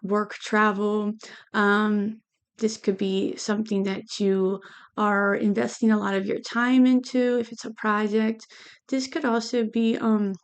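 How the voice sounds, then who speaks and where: A woman's voice: mid-range voice, smooth. A woman giving a casual tarot reading, speaking with a lisp from lingual braces in a hesitant, meandering way. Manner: hesitant, meandering, repeats "you know". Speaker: tarot reader.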